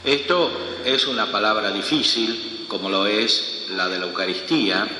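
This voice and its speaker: A male priest with a fairly low voice reads the Gospel and then preaches a homily. He speaks slowly and carefully, pausing at length. Recorded in a large church, the audio has long echoing reverb and a faint hum.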